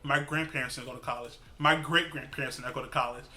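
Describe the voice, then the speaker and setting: Bright, earnest young man. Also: medium pitch, steady tone, fast talker. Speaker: student advocate. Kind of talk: testimonial interview.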